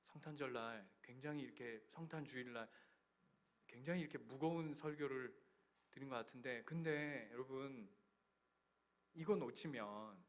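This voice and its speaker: A male pastor giving a Christmas sermon in a church, telling stories with sudden loud bursts and hushed, nearly whispered passages. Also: mid-range voice. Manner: storytelling preacher swinging from loud emphatic bursts to hushed near-whispers. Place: church sanctuary.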